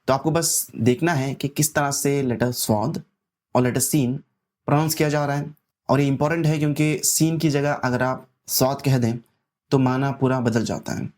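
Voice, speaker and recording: A man teaching a language lesson, explaining slowly and patiently and repeating his instructions. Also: mid-range voice, steady tone, darkish tone. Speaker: Arabic teacher.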